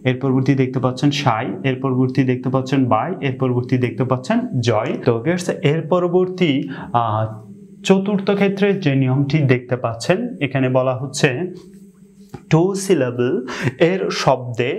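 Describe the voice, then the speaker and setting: Teaching English pronunciation online, a man with a Bangladeshi accent and a medium, slightly mellow voice explains sounds carefully. He keeps pausing with "ah" and slowly repeats the example words.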